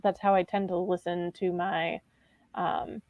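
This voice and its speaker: A woman's voice: lowish voice, level tone, unhurried, muffled recording. A woman chatting casually with a friend on a video call, restarting her sentences often. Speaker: readathon co-host.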